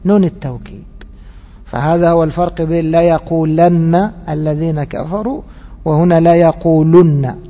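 Male teacher, fairly high voice, quizzes the class and drawls key words; tinny recording. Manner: quizzing listeners with prompting questions. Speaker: teacher of Quranic exegesis and grammar. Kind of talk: classroom lesson with questions to students. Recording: tinny phone-like audio with long hall reverb.

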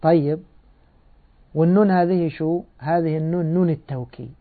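A man gives a patient Quran and grammar lesson. He asks questions and answers them himself. His voice sits a little high and comes through a thin, phone-like recording. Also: moderate pace. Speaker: Quran teacher. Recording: tinny phone-like sound.

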